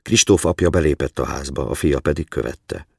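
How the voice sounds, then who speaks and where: Very deep, gravelly male narrator. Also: no echo, studio quality. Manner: calm, measured reading. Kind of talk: scripted story narration.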